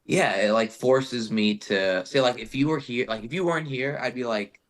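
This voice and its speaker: A young man, a metal vocalist guesting on a podcast, telling stories in a casual, animated and profane way, saying "bro" constantly. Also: mid-range voice, normal speed. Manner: animated profane storytelling, says "bro" a lot. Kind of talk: casual chat.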